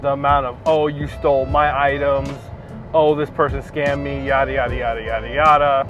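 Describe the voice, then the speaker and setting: A man from New Jersey with an American accent, talking in a halting, emphatic, incredulous way in a casual gaming vlog. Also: medium pitch, dull audio. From New Jersey, USA. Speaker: gaming content creator. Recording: music behind the voice.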